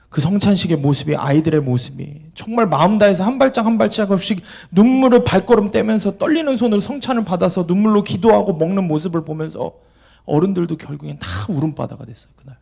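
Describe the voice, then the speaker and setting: Animated gravelly young male preacher. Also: high voice, fast. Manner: animated, acts out quoted voices, asks the audience questions. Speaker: junior pastor preaching to young adults. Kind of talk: storytelling sermon.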